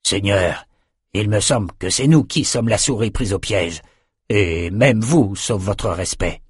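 A man's voice: lowish voice, measured pace, husky, no room sound, studio quality. Man reading a weary, blunt soldier. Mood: worried. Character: weary blood-soaked male soldier officer, blunt. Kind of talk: audiobook character reading.

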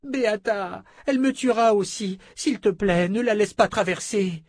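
A man's voice: high voice, normal speed, darkish tone, dry recording, voice pushed up. A man voicing a frightened, whiny young male thief who pleads and panics, close to tears. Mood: panicked pleading.

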